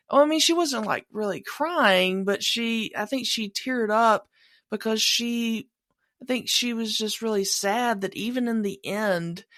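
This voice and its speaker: A woman's voice: mid-range voice, dry recording, studio quality. A woman co-hosting a fan podcast, talking in a rambling, casual way with many fillers and restarts. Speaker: podcast co-host.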